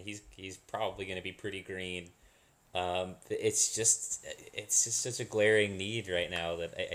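Male podcast co-host, deep low voice, halting and chatty, repeats words. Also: fairly bright tone. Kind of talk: casual sports chat.

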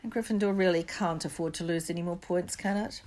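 A woman's voice: fairly low pitch, a little mellow, natural voice. A woman doing a silky, menacing schoolmaster. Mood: smooth. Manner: smooth, slow and silky. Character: sneering male schoolmaster, cold and menacing.

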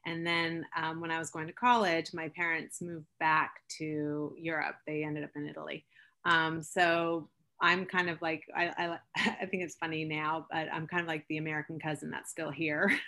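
A woman's voice: deep voice, little pitch movement, moderate pace, bright, forceful tone. A woman from Seattle, an interview guest and founder, talking earnestly with frequent fillers and laughs. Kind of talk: interview chat.

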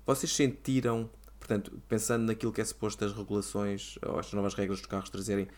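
A man's voice: lowish voice, flat delivery, fast. A man with a European Portuguese accent, casually analysing races on a talk show. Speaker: motorsport talk show panelist.

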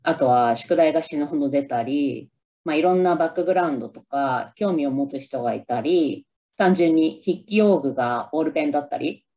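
Woman, low voice, lively pitch, casual podcast chat, upbeat, Japanese native speaker. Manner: chatty, upbeat, tries out English lines aloud. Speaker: podcast host. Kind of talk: casual solo movie review talk.

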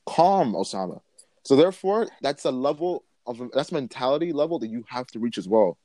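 A man's voice: mid-range voice, big pitch swings, brisk, warm tone, no echo. A man co-hosting a casual sports podcast, making his points emphatically and building them up in lists. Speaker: podcast co-host.

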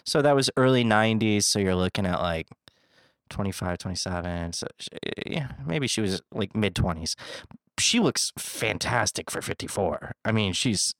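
A man chatting on a podcast in a loose, rambling way, full of fillers and quick laughs. His voice is on the low side but swings widely in pitch. The sound is dry and close. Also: lively intonation, a bit bright, dry recording. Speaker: podcast co-host. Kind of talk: casual chat.

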